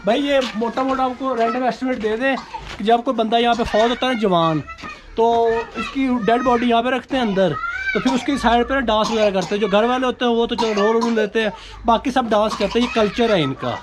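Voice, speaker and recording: A travel vlogger with a Pakistani accent narrates casually in a very high, brisk voice, stopping to chat with locals. It's a handheld outdoor vlog with clear background noise.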